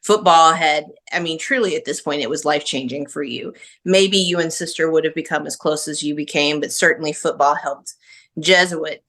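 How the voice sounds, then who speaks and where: Low-voiced woman hosting an interview. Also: fairly bright tone. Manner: measured, leading questions with context. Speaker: podcast host, interviewer. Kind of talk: interview questions.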